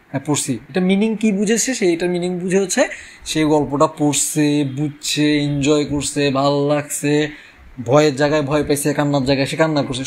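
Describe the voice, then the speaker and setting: A man giving a religious talk, conversational, often asking his listeners rhetorical questions and mixing in English words. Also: fairly high pitch. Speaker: Islamic preacher.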